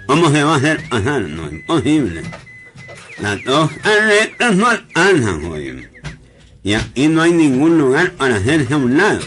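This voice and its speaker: A man's voice: on the high side, big pitch swings, moderate pace, fairly bright tone. A man doing a nasal, cursing ox-cart driver. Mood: grumbling. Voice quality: nasal speech impediment. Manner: grumbles and swears constantly. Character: hot-tempered grown male ox-cart driver, cursing.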